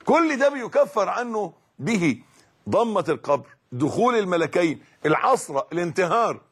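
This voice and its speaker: A middle-aged man preaching in an Egyptian Arabic accent, with a husky, somewhat high voice. His pitch leaps and falls widely as he teaches, emphatic and dramatic, moving from near-hushed lines to forceful, raised ones. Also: big pitch swings, moderate pace. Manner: emphatic, dramatic swings between hushed and loud. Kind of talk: religious lesson.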